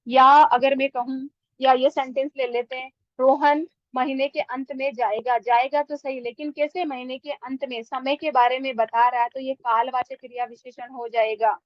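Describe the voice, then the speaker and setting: High-voiced woman teaching grammar. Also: level tone, normal speed, no echo, highs cut off. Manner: asks and answers her own questions, repeating example sentences; mixes English words into Hindi. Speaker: Hindi teacher. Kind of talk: explaining grammar to students.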